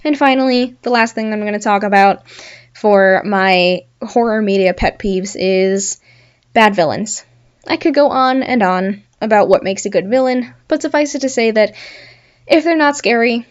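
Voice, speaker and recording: A woman's voice: mid-range voice, normal speed, dull audio. A young woman hosting a casual solo talk show, chatting and laughing at her own examples. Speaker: podcast host.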